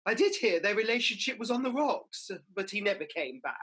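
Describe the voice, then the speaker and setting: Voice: medium pitch, big pitch swings, a little fast, a bit bright. An actor playing a gossipy, hard-up mother as a pantomime dame in a radio play, with chatty comic patter. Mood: cheeky, chatty.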